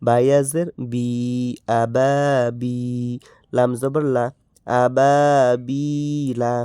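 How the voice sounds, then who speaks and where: A Bangladeshi man teaching Quran reading, spelling out letters and vowel marks and repeating each word slowly in drills. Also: medium pitch, little pitch movement, dark tone, smooth, no room sound, studio quality. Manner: slow, drawn-out drilling with repeated syllables.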